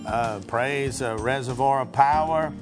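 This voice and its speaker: A man with a mid-pitched voice co-hosts in a casual, halting product chat, repeating himself. Music is clearly heard behind him. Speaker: radio co-host and preacher.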